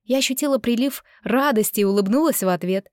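Woman reading a story out loud, calm and even, dry close mic. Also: on the high side, dry recording. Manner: calm, measured first-person reading. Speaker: audiobook narrator. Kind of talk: scripted narration.

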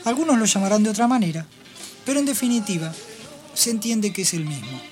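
A woman hosting a radio program, retelling Bible passages in an explanatory, storytelling way with pauses and restarts. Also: medium pitch, animated, a little mellow, soft background music. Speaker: radio host. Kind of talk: radio talk on Bible stories.

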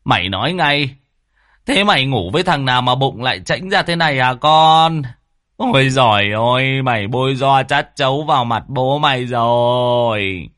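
A man's voice: mid-range voice, animated, normal speed, a bit bright, no echo, studio quality, pitched above the performer's own voice, close to an everyday voice. A man voicing a harsh, scolding middle-aged village chief.

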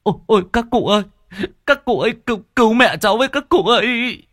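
A man's voice: expressive, fast, a bit bright, no echo, studio quality. A man doing a frantic wailing young man. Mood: panicked. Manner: sobbing, high-pitched and frantic. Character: young man wailing over his dead mother.

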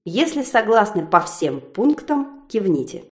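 A woman reading an audiobook and voicing a male spaceship's AI, loud, clear and deliberate. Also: medium pitch, big pitch swings, voice pushed up. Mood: measured. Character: spaceship's AI, male, dry and precise. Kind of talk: audiobook character voice.

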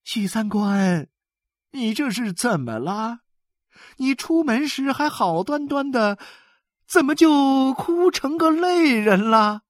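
A woman's voice: a little high, expressive, slow pace, no room sound, clean studio sound, voice pushed up. A woman voicing a middle-aged wife who scolds emphatically and shields her husband. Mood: worried.

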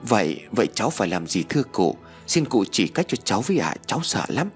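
A man's voice: on the low side, very animated, moderate pace, faint music behind. A man voicing a frightened young village girl. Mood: pleading. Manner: pleading, stammering. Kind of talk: storybook reading.

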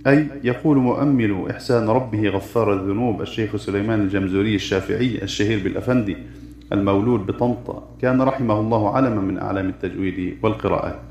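A man teaching the rules of Quran recitation, chanting verses of a poem and then explaining them in measured, formal tones. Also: lowish voice, a little mellow. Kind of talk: lesson explaining a didactic poem. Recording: dull echoey room recording.

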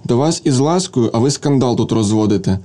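A man's voice: medium pitch, animated, brisk, warm tone, close to an everyday voice. A man reading a story aloud, voicing a pushy, joking male office accountant who teases and snaps. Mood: teasing. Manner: teasing, then flustered and snapping.

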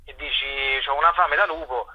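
A man who is an actor and director gives an informal interview as a guest, explaining things expressively and haltingly with homely examples. His voice is a little high and slightly rough, and the sound is lo-fi.

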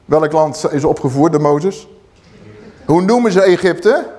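A man preaching a sermon, animated, swinging between loud exclamations and low emphatic asides. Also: a little slow.

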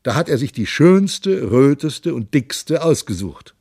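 A calm, matter-of-fact tutor , voiced by a male reader. Gravelly and slightly husky, with a measured, slightly raised delivery in a dry storybook recording. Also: medium pitch, dry recording, voice pushed up, exaggerated voice. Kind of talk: audiobook character voice.

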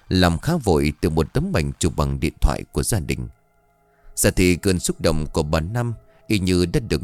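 Deep-voiced male ghost story narrator. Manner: expressive, dramatic reading.

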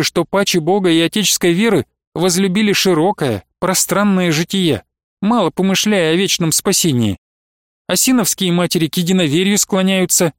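A man's voice: sits high, no echo, clean studio sound, pitched above the performer's own voice, close to an everyday voice. A man voicing a grieving, pious old nun who laments and pleads tearfully. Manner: lamenting, sing-song pleading.

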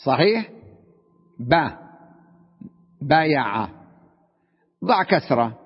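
A man teaching a grammar lesson, who poses questions to his class, answers them himself and repeats each word slowly. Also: a little high, sing-song, husky. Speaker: sheikh teaching Arabic grammar. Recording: dull lo-fi recording with long reverb in a hall.

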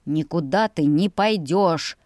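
A proud, stubborn young dragon suitor, read by a woman, boasting and refusing to back down in a storybook. The voice stays at an ordinary middle pitch and sounds dry and close. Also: sing-song, normal speed, a little mellow, no room sound, close to an everyday voice.

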